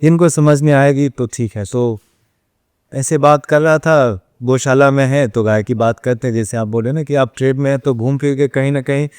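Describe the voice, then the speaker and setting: Brief: male interview guest, a storyteller who acts out quoted exchanges and drops in English phrases. Mid pitch, dry close sound. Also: steady tone, moderate pace, darkish tone, smooth, no echo. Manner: mixes English phrases into speech. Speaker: interview guest, runs an ashram cow shelter. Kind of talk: casual interview conversation.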